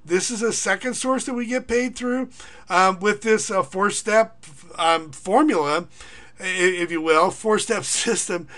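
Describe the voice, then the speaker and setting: A middle-aged man, a schoolteacher, pitching an online income system in a casual, rambling way with many fillers, reading off payment amounts in a quick list. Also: pushed and bright. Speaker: online income marketer and teacher. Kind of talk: casual screen-recorded pitch.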